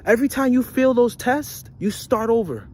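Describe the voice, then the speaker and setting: A man's voice: very high voice, expressive, moderate pace, darkish tone, a little hiss or hum. A young man giving a blunt, profane motivational rant to his viewers, repeating his points and preaching about intelligence and life lessons. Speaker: vlogger.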